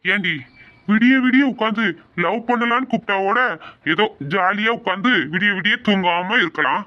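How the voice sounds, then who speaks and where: A man's voice: high voice, normal speed, muffled recording. A man playing a sleepy, exasperated husband in a comic couple sketch. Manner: grumbling, exasperated. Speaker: sleepy husband in a comedy skit.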